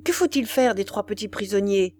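A woman's voice: medium pitch, lively intonation, normal speed, a little mellow, close to an everyday voice. A woman voicing an anxious male peasant rebel officer who reports in urgent, raised tones. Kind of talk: audiobook character voice.

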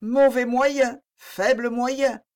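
A woman reading the part of a young princess who speaks with soft, sad firmness in an audiobook. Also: on the high side, fairly even intonation, very slow, voice pushed up. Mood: melancholy. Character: young melancholy princess, gentle and firm.

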